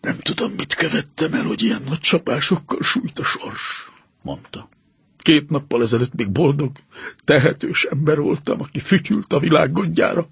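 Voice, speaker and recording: A man's voice: fairly high pitch, expressive, vocal fry, slightly rough, dry recording, exaggerated voice. A man voicing a distraught older banker in an audiobook reading, with a breathless, trembling manner that breaks into cries. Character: older distraught male banker, anxious and pleading.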